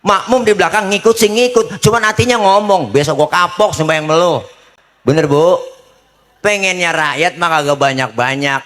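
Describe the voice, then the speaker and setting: A middle-aged man gives a comic sermon as a preacher, joking and often asking the crowd for agreement. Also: a little high. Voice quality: bright, lively, joking, asks the crowd for agreement.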